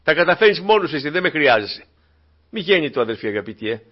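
A fervent male preacher with a fairly high voice, delivering a sermon that drops to low, intimate asides and then climbs to loud, emphatic peaks. He keeps turning to the congregation as brothers. The recording sounds dull and lo-fi. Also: very animated.

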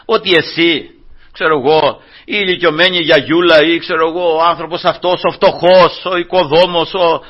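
A man's voice: on the high side, steady tone, highs cut off. A man preaching a fervent Pentecostal sermon, often calling his listeners brothers.

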